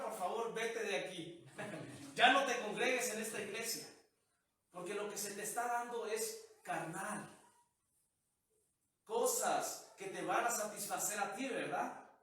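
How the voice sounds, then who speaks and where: A man's voice: high-pitched, a bit bright. A man preaching a sermon as pastor, often tossing rhetorical questions to the congregation. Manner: peppers talk with rhetorical questions. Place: church sanctuary. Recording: echoey hall, mic far off.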